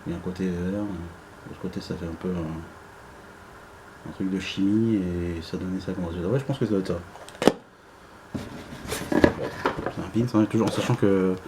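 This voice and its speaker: A man's voice: low-pitched, steady tone, moderate pace, long pauses, background noise. A man giving casual unboxing commentary, rambling and hesitant with many fillers. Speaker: unboxing vlogger.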